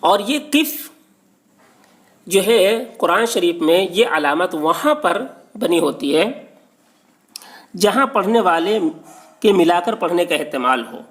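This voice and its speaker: A man giving a religious lesson on recitation marks, explaining slowly and patiently, repeating key terms and checking in with the listener. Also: sits high, animated, fairly bright tone. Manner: patient and repetitive, often checks with "okay". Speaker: religious teacher.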